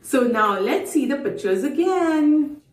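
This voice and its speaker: Woman, kindergarten teacher voice, very lively intonation, simple repeated phrases, distant microphone. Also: high-pitched, slow. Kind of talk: preschool lesson to camera. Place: indoors, small bare-walled room. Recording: echoey room, distant microphone.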